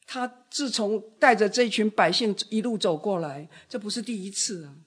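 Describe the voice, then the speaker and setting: Husky-voiced woman preaching with drama. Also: medium pitch, animated, normal speed. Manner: dramatic, acts out scripture voices, rises loud then drops soft. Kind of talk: sermon.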